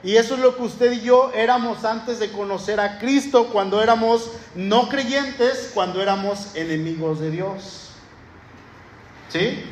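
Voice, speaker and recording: High-voiced man preaching in an echoey room. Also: a little slow, slight background noise. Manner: emphatic preaching, asks listeners for assent. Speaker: pastor. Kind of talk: sermon.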